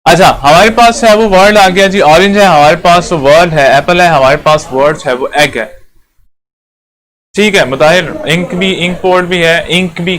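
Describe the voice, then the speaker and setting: A man's voice: fairly high pitch, a bit bright, a little hiss or hum. A man, an Urdu speaker, giving an English lesson in a classroom, repeating points and checking that students follow. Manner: repetitive, checks students with "clear?". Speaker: English teacher. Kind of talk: classroom lecture.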